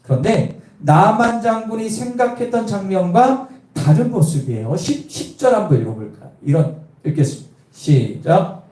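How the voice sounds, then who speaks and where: Preaching in church, a pastor speaks at normal speed in a high, slightly mellow voice with big pitch swings. He narrates the story and tests the congregation with questions, captured from a distance in an echoey room.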